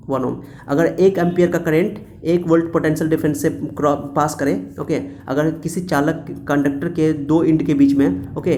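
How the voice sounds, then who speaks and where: A man's voice: on the high side, dark tone. A man teaching a physics lesson in a classroom style, repeating key points and asking questions he then answers himself. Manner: repetitive, coaxing, asks and answers own questions.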